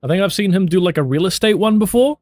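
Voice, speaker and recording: A man's voice: high-pitched, animated, quick pace, a little mellow, dry recording. A young man with a New Zealand accent chatting casually with his viewers, loose and jokey, swearing freely and laughing often. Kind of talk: casual chat.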